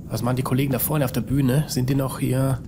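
A man talks his way through a video game in a casual, rambling manner, muttering to himself and letting out fretful sighs. His voice sits at an ordinary middle pitch. There is a clear layer of background noise under the recording. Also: level tone, quick pace. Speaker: let's player. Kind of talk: casual gameplay commentary.

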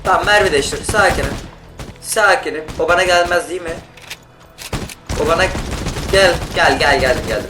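A man giving casual gameplay commentary, excitable and yelling in bursts during fights, talking to the other players. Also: a little high, normal speed, long pauses, recorded from a distance, background noise. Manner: talks to other players and teammates. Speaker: gaming YouTuber. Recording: roomy sound, off-mic, loud game music. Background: game music and gunfire.

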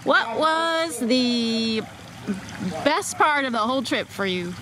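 Outdoors at a marina, a woman hosting a sailing vlog gives an upbeat, chatty tour and interviews a crew member in casual narration. Her high voice is expressive and slow, with a crowd and outdoor noise in the background.

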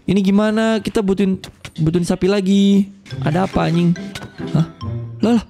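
A young man with a high voice and talks fast and loud over a gaming session. He swears often, jumps between ideas and teases his co-player. Bright game music plays clearly behind him. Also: fairly even intonation. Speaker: gaming YouTuber. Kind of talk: excited casual Minecraft commentary.

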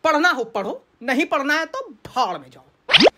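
A woman's voice: sits high, sing-song. A woman voicing an irritable male math teacher who scolds and snaps at his online class. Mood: fed up. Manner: exasperated, scolding, quick to snap. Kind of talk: comic sketch acting. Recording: clear background noise.

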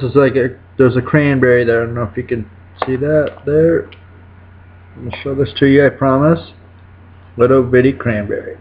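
A man in his thirties chatting casually while reviewing snacks at home, rambling and correcting himself, recorded on a webcam indoors. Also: medium pitch. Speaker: food reviewer. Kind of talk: casual food review vlog. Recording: dull lo-fi webcam audio.

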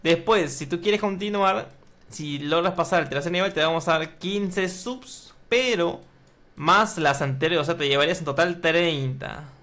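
Male streamer, mock game-show host, teasing, slightly high voice, quick explanations. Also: bright, forceful tone. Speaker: streamer hosting a quiz game. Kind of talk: playful livestream game-show hosting.

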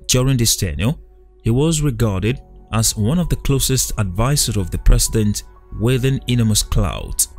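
A man narrating a news documentary in a measured, even reading voice. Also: medium pitch. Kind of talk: scripted news voice-over.

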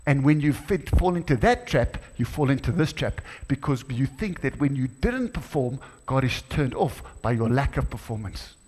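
A middle-aged male preacher delivers an animated sermon, acting out dialogue and rising to exclamations. His voice sits at an ordinary pitch. The sound carries a long church-hall reverb. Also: moderate pace, hardly any pauses, husky. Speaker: guest preacher.

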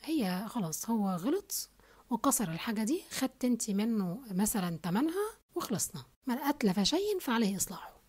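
Woman, Egyptian accent, quick, slightly breathy, parenting advice talk, keeps asking the listener if she follows. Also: on the high side, sing-song, darkish tone. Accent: Egyptian Arabic. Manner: addresses listener directly, often checks understanding. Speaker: family and parenting teacher. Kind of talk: casual advice talk to mothers.

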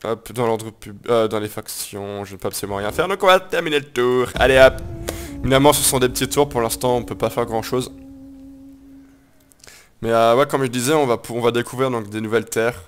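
A man's voice: medium pitch, a little fast, clear, resonant tone. Joking man narrating his gameplay. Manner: jokey and playful, coins silly made-up words, swears casually. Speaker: gameplay commentator. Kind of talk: casual let's-play commentary.

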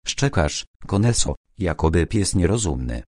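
Man reading as a quiet, drawn-out old sorcerer. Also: low voice, very animated, no echo, clean studio sound, exaggerated voice. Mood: stern, calm.

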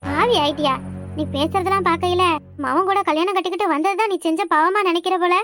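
A woman voicing a proud, sharp-tongued old village mother-in-law in a cartoon, scolding with rapid-fire questions. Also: very high-pitched, soft background music. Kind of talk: cartoon voice acting.

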